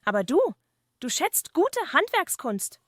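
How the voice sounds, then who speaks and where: A woman's voice: high voice, big pitch swings, a little slow, a bit bright, dry recording, clean studio sound, exaggerated voice. A woman voicing a tiny, proud, kindly male leprechaun shoemaker with an earnest, courteous manner in a fireside story. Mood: playful.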